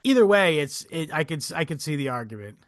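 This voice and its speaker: A young adult man co-hosting a casual history podcast, rambling and animated, swearing and laughing often. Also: a little high, fast, no echo, studio quality. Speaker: podcast co-host.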